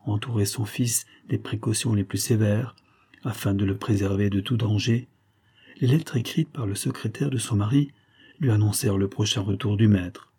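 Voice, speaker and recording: A man narrating a classic novel as an audiobook in a measured, dramatic reading. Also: lowish voice, warm tone, breathy edge.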